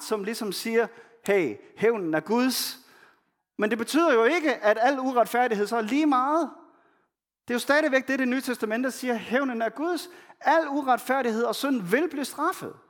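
A man preaching a sermon in a frank, conversational way, reading scripture passages slowly and softly between his own blunt comments. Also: very high voice. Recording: long hall reverb.

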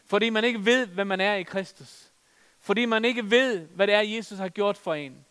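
Middle-aged preacher, resonant voice, animated sermon delivery in a church hall. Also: male voice, sits high, smooth. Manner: animated storytelling with humor, fillers and emphatic scripture reading.

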